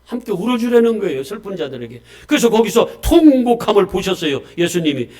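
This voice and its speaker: A pastor preaches a Sunday morning sermon in a fairly high, sing-song voice at a fairly quick pace. He swings between loud, emphatic declarations and quiet, low asides, repeatedly questioning the congregation and calling for amens.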